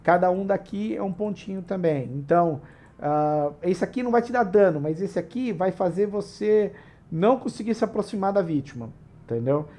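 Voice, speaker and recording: A man's voice: high-pitched, animated, normal speed, warm tone. A man with a Brazilian Portuguese accent, hosting a tabletop RPG channel and explaining rules in a casual, digressive way with frequent tag questions.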